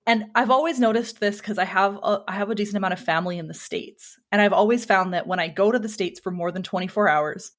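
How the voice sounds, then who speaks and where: A woman's voice: mid-range voice, fast talker, few pauses. A woman in her thirties hosting a podcast, chatting casually and self-deprecatingly in a group conversation. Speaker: podcast host.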